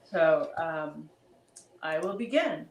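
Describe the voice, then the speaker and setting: Lady reading a rhyming kids book, slow, mid pitch, echoey room. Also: lively intonation, noisy background. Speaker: storybook reader. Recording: roomy echo.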